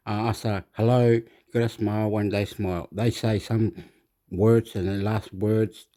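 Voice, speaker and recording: A man's voice: lowish voice, mellow. A man from Chile, rambling through casual commentary, repeating himself and laughing often. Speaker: vlogger commenting on a video.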